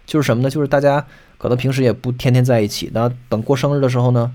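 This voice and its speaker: A man's voice: mid-range voice, steady tone, rapid-fire, warm tone. A man hosting a solo podcast, explaining music at length and singing short snatches of songs to make his points. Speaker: podcast host.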